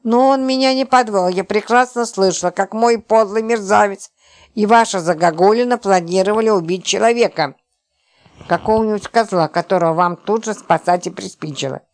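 A naive, indignant young wife in an audiobook, her voice rising high and sharp as she protests and exclaims, as a woman reader plays her. She sounds agitated and easily offended throughout. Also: normal speed, natural voice.

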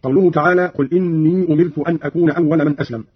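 A man explains Quran reading variants in a measured, scripted radio delivery, moving quickly through each point. His voice is husky and higher than most men's. The old broadcast sound is dry and muffled. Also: fairly even intonation, no room sound. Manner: measured, instructive, quotes verses then explains. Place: radio studio.

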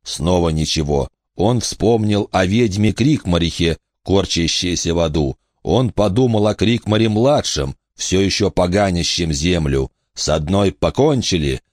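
A man narrating an audiobook in a steady, measured reading. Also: sits low, no room sound, clean studio sound.

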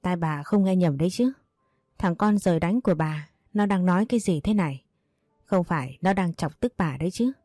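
A woman narrating a romance story aloud in a steady storytelling read. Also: lowish voice, moderate pace, no echo, studio quality, soft background music. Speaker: audiobook narrator.

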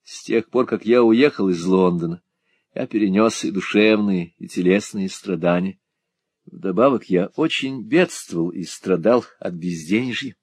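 A man's voice: deep voice, measured pace, slightly rough, no echo, studio quality. A man reading an audiobook, voicing an earnest, gallant, worn-down young man who speaks politely and sincerely. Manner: polite, sincere, gently playful. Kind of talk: audiobook character voice.

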